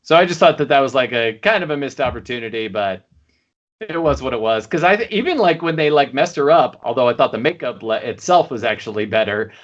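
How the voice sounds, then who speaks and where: A man's voice: medium pitch, animated, a little fast, lo-fi sound. A man co-hosting a podcast, chatting casually and rambling with lots of fillers and restarts. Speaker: podcast co-host. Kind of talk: casual chat.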